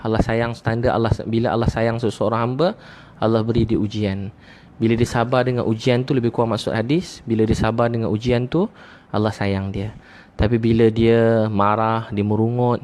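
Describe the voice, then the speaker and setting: A man giving a sermon, teaching with gently emphatic repetition and frequent interjections. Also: medium pitch. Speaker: preacher.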